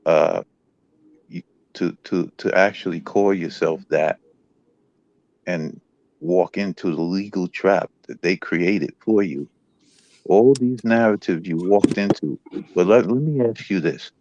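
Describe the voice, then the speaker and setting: A man's voice: low voice, slow pace, long pauses, a little mellow, highs cut off. A man in an online group call, asking pointed questions and pressing for yes or no answers.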